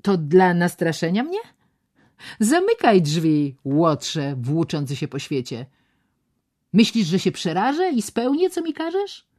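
A woman's voice: on the low side, wildly swooping pitch, slow, a little mellow, exaggerated voice. Fierce trapped young woman voiced by a woman reader, scornful and defiant, storybook.

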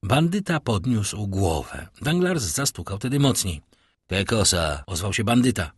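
A man narrating a classic novel in an expressive storytelling reading. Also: fairly low pitch, moderate pace, slightly rough, no echo, studio quality. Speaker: audiobook narrator.

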